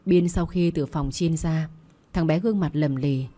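A woman narrating a romance story in the first person with a calm, even delivery. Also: low-pitched, moderate pace. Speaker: audiobook narrator.

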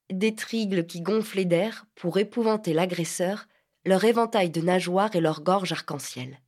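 A woman narrating an audiobook of a literary novel in a measured, expressive reading. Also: mid-range voice.

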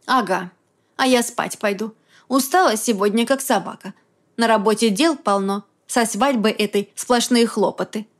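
A woman's voice: fairly high pitch, moderate pace, lightly acted. A woman reading an audiobook, voicing a tired middle-aged mother who complains with self-pity. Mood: aggrieved. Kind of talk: audiobook character voice.

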